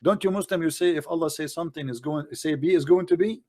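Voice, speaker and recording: A man who speaks Arabic as his first language is in a casual, lively debate, teasing and pressing his points while raising his voice for emphasis. His voice sits a little high and he talks quickly.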